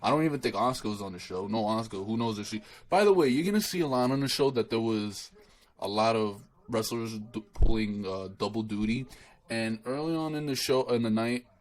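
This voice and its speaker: A man's voice: fairly low pitch, lively intonation, a little fast, low-quality recording. A young man giving a rambling, profane, dismissive solo recap of a wrestling show, with lots of restarts.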